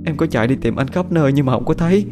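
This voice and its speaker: A man voicing a gentle, tearful young village woman in a soft, pleading, raised voice. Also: medium pitch, steady tone, racing, music in the background, voice pushed up, lightly acted.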